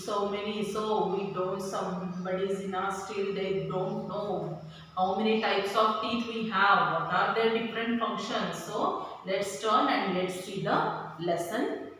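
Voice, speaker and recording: A woman primary school teacher giving a lesson to children, explaining slowly and asking them questions as she goes. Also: mid-range voice, fairly bright tone. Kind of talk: online class lesson. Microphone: far from the mic. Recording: echoey hall from far off, faint background hum.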